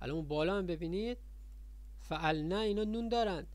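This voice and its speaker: With a Persian accent, a man teaches a grammar lesson, repeating points and quizzing his viewers as he goes. His voice is high and slightly mellow.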